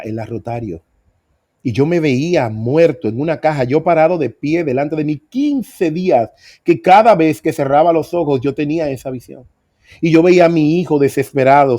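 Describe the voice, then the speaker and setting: A man's voice: fairly high pitch, dark tone. A middle-aged man preaching, telling his own story with earnest emphasis. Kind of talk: sermon testimony.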